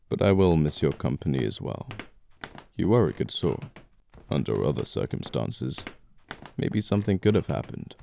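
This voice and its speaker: In an audio roleplay, an actor with a very low, gravelly voice plays a gentleman killer: amoral but apologetic and flirty, threatening his captive with slow, wry politeness. The close-miked sound is dark and dry, with slight hiss or hum and heavy acting. The mood is regretful and flirtatious.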